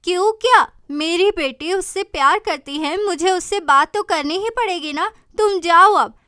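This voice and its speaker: A woman voicing a scolding middle-aged mother who nags loudly about money and love. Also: sits high, fairly even intonation, a little slow, no room sound, clean studio sound. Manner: loud nagging scolding.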